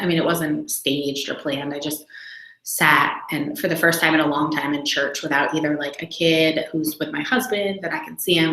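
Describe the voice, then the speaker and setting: A woman in her thirties talks about her faith in a candid, chatty way, poking fun at herself as she goes. Her voice is pitched a little low but sounds bright and clear. The recording carries a noticeable roomy echo. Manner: candid, chatty, self-deprecating with many fillers. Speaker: faith video host. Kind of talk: casual personal reflection.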